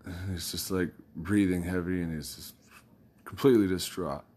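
A man's voice: deep voice, fairly even intonation, normal speed, a little mellow. A man talking casually in a loose, rambling monologue, cursing and chuckling as he recounts things. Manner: loose storytelling with swearing and laughs.

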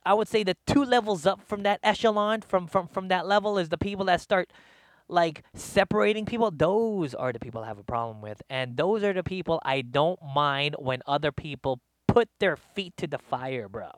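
A male comedian hosting a live show, rambling in a slangy, animated rant from his studio. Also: high voice, normal speed, no room sound. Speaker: comedian host. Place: home studio.

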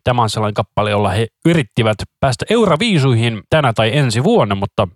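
A man's voice: mid-range voice, big pitch swings, no echo, clean studio sound. A man co-hosting a casual chat about metal music, informative and matter-of-fact. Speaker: podcast co-host.

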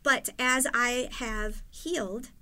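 A woman's voice: on the high side, steady tone, takes it slowly, crowd noise. A middle-aged woman, a podcast guest telling her story candidly and emphatically, with many "you know"s. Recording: faint background noise.

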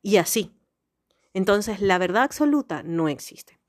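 A woman's voice: mid-range voice, animated, measured pace. A woman hosting a podcast, talking through life advice in a conversational monologue, explaining with rhetorical questions and examples. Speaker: podcast host.

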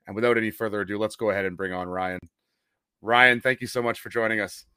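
A man's voice: lowish voice, fairly even intonation, fast talker, bright, forceful tone, clean tone, no echo, clean studio sound. A man from Canada hosting a podcast, interviewing guests in an upbeat, chatty way with frequent restarts. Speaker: podcast host. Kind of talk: casual interview chat.

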